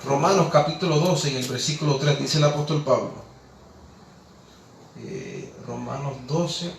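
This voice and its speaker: A man's voice: on the high side, big pitch swings, measured pace, vocal fry, a little hiss or hum. A man preaching a sermon, impassioned, rhetorical and scolding. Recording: echoey room, distant mic, faint ambience.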